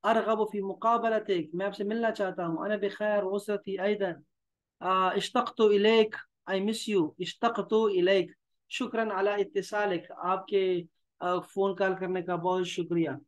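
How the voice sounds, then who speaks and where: This Arabic teacher, a man with a Pakistani Urdu accent, speaks in a high, level voice at a moderate pace. During the classroom lesson he voices each phrase, explains its meaning, and gently coaxes the students through repetition.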